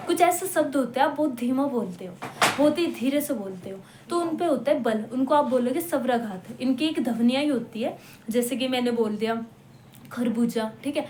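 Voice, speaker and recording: A woman teaching a lesson, explaining patiently, saying example words slowly and often checking that listeners follow. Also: high-pitched, animated, darkish tone. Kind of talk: classroom-style lecture. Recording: echoey room with faint hum.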